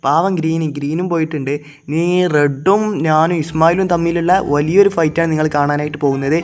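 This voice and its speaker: Fast-talking man. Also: on the high side, steady tone. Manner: chatty, addresses viewers, frequent self-corrections. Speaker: gaming video creator. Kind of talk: playful gameplay commentary.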